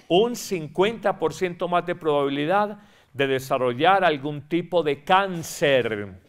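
A man, a priest, giving an emphatic spiritual retreat talk, repeating phrases and acting out quoted voices. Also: fairly high pitch.

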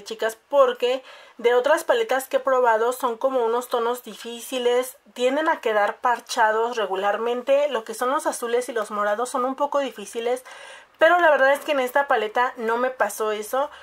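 A woman, chatting casually through a makeup review and addressing viewers as "chicas". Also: fairly high pitch. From Mexico. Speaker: beauty vlogger.

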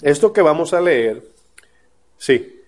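A man pastor teaching a Bible study to a live audience, talking in a relaxed, conversational way and often checking in with his listeners with questions. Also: a little high, slow.

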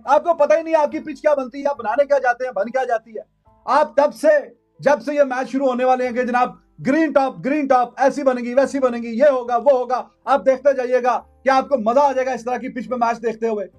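A man's voice: very high voice, a little mellow. A man, giving sarcastic cricket commentary in a studio, mocking and repeating phrases for emphasis. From Pakistan. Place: indoor studio.

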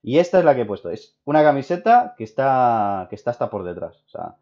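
A young man from Spain with a Spain Spanish accent, hosting a casual opinion chat and rambling excitedly with many restarts. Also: mid-range voice, brisk. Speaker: video host. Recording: dull lo-fi recording.

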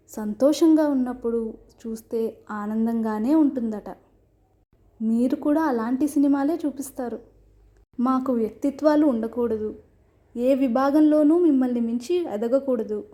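A woman storyteller giving voice to a young bride who will not give in, speaking slowly and firmly in a soft, mellow tone. Her pitch sits a touch high, and every line carries indignant resolve. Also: close to an everyday voice. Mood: defiant. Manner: indignant, firm. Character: defiant young bride, sharp-tongued and proud. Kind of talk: storybook reading.

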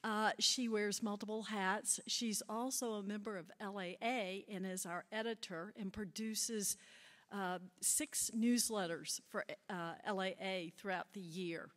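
Slow-speaking woman presenter in echoing hall. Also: medium pitch, fairly even intonation, a bit bright. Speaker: presenter introducing a reader. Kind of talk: formal stage introduction. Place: auditorium stage. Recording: echoey hall with long reverb.

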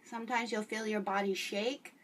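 A woman's voice: medium pitch, fairly even intonation, moderate pace, fairly bright tone. A middle-aged woman demonstrating a home workout, chatty and encouraging and out of breath. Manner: chatty, encouraging, laughs while exercising. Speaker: fitness vlogger. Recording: voice from a distance.

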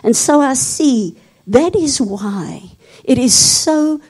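A South African woman tells a story as a sermon at a seminar. Her voice is mellow and husky and sits a little high, and she speaks slowly. She dramatizes as she goes, dropping to whispers and rising to shouts. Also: lively intonation. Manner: dramatic, drops to whispers and rises to shouts when telling a story. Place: seminar hall.

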